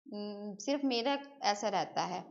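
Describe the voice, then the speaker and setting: She speaks at a medium pitch, expressively and a little slowly, with some vocal fry, and the high frequencies are cut off. She's teaching Hindi grammar in a live online class, chatting casually, answering students' chat messages and slipping English words into her speech.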